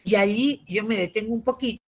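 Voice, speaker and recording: A high-pitched, brisk male teacher gives a civics lesson. He explains things patiently, often ends his points with a question, and clears his throat.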